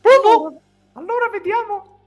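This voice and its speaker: Squeaky chipmunk-voiced cartoon mouse. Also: male voice, moderate pace, soft background music. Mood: announcing. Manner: exclamatory, playful announcing. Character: squeaky high cartoon mouse voice, male, cheerful. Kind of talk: comic impression during a casual live chat.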